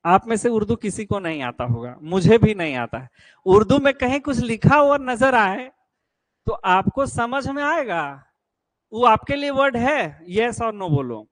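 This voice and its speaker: Male coaching teacher, fairly high voice, keeps checking the class follows, folksy storytelling. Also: fairly bright tone, dry recording, rough recording. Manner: keeps checking students understand, tells folksy anecdotes. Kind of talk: classroom lecture.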